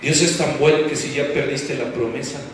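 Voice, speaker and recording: With a steady, mid-range voice at normal speed, this pastor preaches emphatically, posing questions to the congregation and comparing things to football. The church hall recording is echoey and distant, with faint noise in the background.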